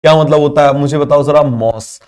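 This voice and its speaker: A man's voice: fairly high pitch, steady tone, fairly quick, darkish tone. A male teacher giving a biology class, asking constant questions, having students repeat answers, and mixing English terms into Hindi.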